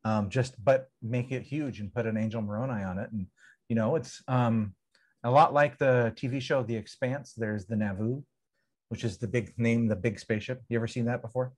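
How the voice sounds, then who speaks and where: A man hosting a podcast in casual conversation, playful and quick to laugh, wandering off on tangents. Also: medium pitch, fairly even intonation. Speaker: podcast host.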